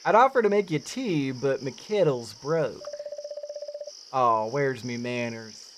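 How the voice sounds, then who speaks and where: Streamer doing folksy islander man, attempted Newfoundland accent, homely and drawn-out, lively swooping pitch, unhurried, faint crickets behind. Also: noisy background. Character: friendly male islander, rough folksy fisherman type.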